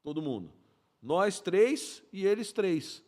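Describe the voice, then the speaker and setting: A man's voice: high voice, sing-song, takes it slowly, a little mellow. A middle-aged man tells a story in a casual interview. He is a vivid storyteller who mimics gunshots and acts out the voices of the people in it. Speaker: police colonel guest.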